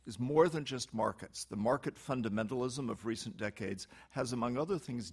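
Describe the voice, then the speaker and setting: A man with a fairly low voice speaks on an academic panel as a university head. He lectures fluently and in measured phrases, building his argument point by point. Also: breathy edge.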